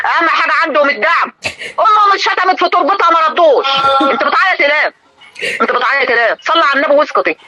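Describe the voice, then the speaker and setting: Fast, indignant older Egyptian woman. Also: high voice, sharp tone, highs cut off. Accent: Egyptian Arabic. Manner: indignant, scolding, rapid-fire. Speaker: live stream host. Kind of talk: heated live-stream talk to viewers and a caller.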